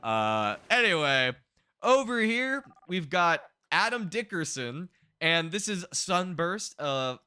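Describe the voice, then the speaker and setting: A man doing casual, excitable gameplay commentary, joking and swearing freely as he tours his theme park. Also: sits high, slow pace, smooth. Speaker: streamer showing a theme park build.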